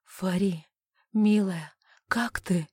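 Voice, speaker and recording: A woman's voice: medium pitch, extremely slow, darkish tone, slightly rough, dry recording. A woman voicing a tender, protective young husband in an audiobook.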